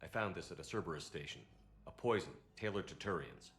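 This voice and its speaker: A deep-voiced, steady military commander. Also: male voice. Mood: calm, businesslike. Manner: measured, terse, calm. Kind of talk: video game dialogue.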